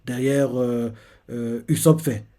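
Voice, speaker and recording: A man streaming live, recapping a manga chapter in a casual, halting way, full of fillers and restarts. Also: medium pitch, fairly even intonation, mellow. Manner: hesitant, many fillers and restarts, repeats himself while explaining.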